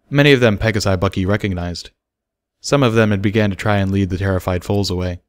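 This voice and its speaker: A man narrating a fan story as an audiobook, with a steady, dramatic delivery. His voice is very low, and it has a dry, close sound. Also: dry recording.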